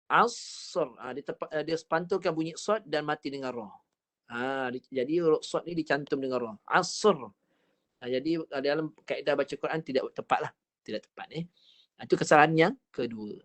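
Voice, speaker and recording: A man with a Malaysian Malay accent leads an online Quran recitation class, speaking in a voice a little higher than most men's. He is patient and methodical, drilling each letter sound slowly and over and over. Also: dry recording. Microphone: online class call.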